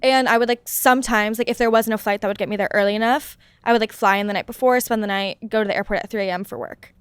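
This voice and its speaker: A woman's voice: medium pitch, steady tone, fast talker, clean tone, dry recording. A young woman chatting casually as a podcast guest, with lots of "like" and frequent laughs. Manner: chatty, fillers of "like", laughs often. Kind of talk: casual chat.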